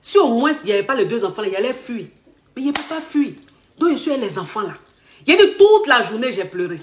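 A woman telling her life story in casual, animated speech, quoting the people she met. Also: on the high side, quick pace. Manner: animated retelling with acted quotes. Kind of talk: personal storytelling. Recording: echoey room.

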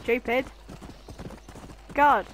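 A young woman giving excitable, casual gameplay commentary, full of swearing and jumpy yelps. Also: high-pitched, very slow, slight background noise. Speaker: gaming channel host.

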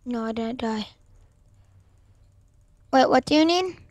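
A woman hosting a gaming video, excitable and swearing constantly as she plays and trash-talks opponents on a voice call. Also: fairly high pitch, slow, dry recording. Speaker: gaming channel host. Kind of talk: casual gameplay commentary.

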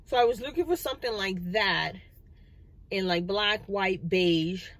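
A woman's voice: medium pitch, measured pace, a bit bright, low-quality recording. A woman in her thirties talking casually from inside her car, rambling with plenty of fillers. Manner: chatty, rambling, many fillers. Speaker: vlogger. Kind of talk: casual chat. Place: parked car, indoors. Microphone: phone camera on the dashboard.

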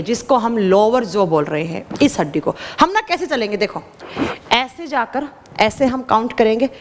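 Lively high-voiced woman teacher, reverberant. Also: slight background noise. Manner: animated, addresses students as children, asks and answers her own questions. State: dry throat. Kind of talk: classroom lecture.

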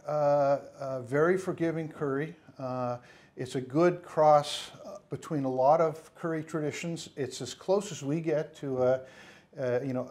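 A man in his fifties who owns a spice shop gives a casual cooking demonstration on a lapel mic in an indoor studio kitchen set. His voice is slightly high and a bit mellow, and he rambles with many fillers and restarts.

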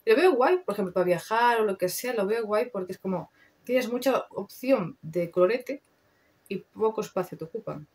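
A woman's voice: medium pitch, animated, normal speed, darkish tone. A young woman with a Spain Spanish accent, chatting casually and slangily through a makeup review, swearing freely. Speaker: beauty vlogger.

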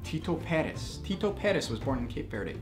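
A young man hosting a casual vlog, jokey and quick to swing from loud excitement to mumbled asides. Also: fairly high pitch, over music. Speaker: vlogger host.

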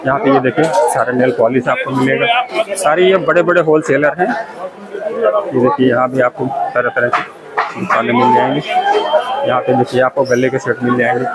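A man's voice: medium pitch, normal speed. A man narrating a walking tour of a crowded outdoor market, pointing out shops to his viewers. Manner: points things out to viewers, repeats "look here". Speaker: vlogger giving a market tour. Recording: loud street noise behind the voice.

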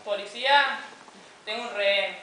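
A woman's voice: mid-range voice, measured pace, pushed and bright, slight background noise. A young woman playing a cocky robber with a hostage. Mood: sly. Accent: Rioplatense Spanish. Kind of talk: amateur student skit. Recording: echoey room, far camera mic, music behind.

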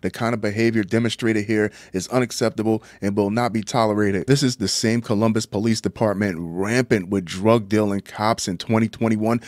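Deadpan low-voiced man mocking the news. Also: no room sound, clean studio sound. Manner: deadpan mocking delivery, reading news and cutting in with crude jokes. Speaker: host of a satirical crime news show. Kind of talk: sardonic news commentary. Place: small dark home studio.

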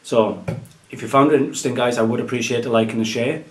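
A man's voice: medium pitch, steady tone, quick pace, breathy edge. A Welsh man in his thirties, an antiques dealer, chatting casually at home about his market buys and sprinkling "um" and "guys" through his tips. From Wales. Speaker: antiques dealer and channel host. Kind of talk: casual show-and-tell vlog. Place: dining room at home, indoors.

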